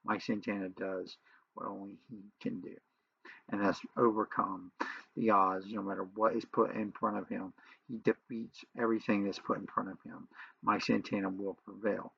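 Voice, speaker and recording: A man with a gravelly, low-pitched voice reviews wrestling in a casual, opinionated way. He leans on repeated phrases for emphasis, while his intonation stays fairly even. The recording is dull and lo-fi. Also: moderate pace. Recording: dull lo-fi sound.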